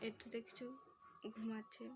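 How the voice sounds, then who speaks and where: A young woman with a fairly high voice chats casually into a phone camera at home. Her throat is sore, and she talks to her viewers in a friendly way. Faint noise sits behind her voice. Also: completely flat delivery, moderate pace. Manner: chatty, coaxing her child in a sing-song voice. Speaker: vlogger. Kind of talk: casual home vlog talk.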